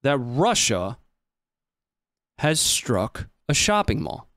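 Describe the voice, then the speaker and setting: Very animated yet slow, this man in his thirties uses a fairly bright mid-range voice for casual live commentary on footage as a stream host. The recording is dry, made in a small indoor studio on a close boom-arm desk microphone.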